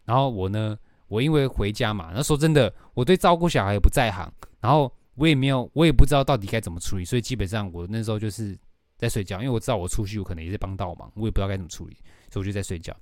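A man's voice: on the low side, very fast, no echo. Man, Taiwanese Mandarin accent, young adult, podcast host, casual rambling story, curses now and then, dry recording.

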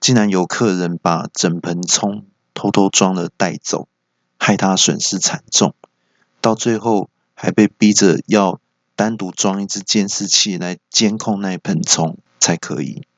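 A man's voice: sits low, fairly even intonation, unhurried, dry recording. A man hosting a podcast, telling jokes as an easygoing comic story. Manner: easygoing joke-telling narration. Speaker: podcast host.

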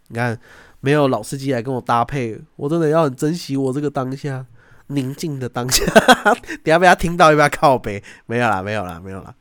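A man's voice: mid-range voice, fairly bright tone, no room sound, studio quality. A young man with a Taiwanese Mandarin accent hosting a podcast, telling stories casually, swearing freely and acting out quotes. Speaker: podcast host. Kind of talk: casual storytelling.

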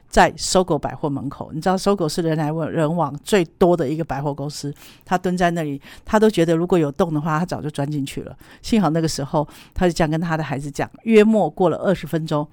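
Woman, teacher-host type, low voice, dry close sound, animated chatty storyteller. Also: dry recording. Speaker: early childhood educator. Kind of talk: podcast storytelling talk.

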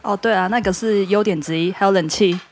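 A woman with a Taiwanese Mandarin accent talks quickly in casual chat, griping dryly. Her pitch is average and there is faint noise in the recording. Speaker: podcast panelist.

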